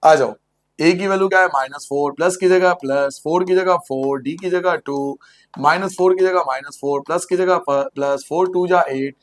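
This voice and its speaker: At a moderate pace, a man with a high voice gives a blackboard maths lesson to school students. He answers his own questions and repeats the steps in a sing-song fashion, keeping things playful and joking with the class.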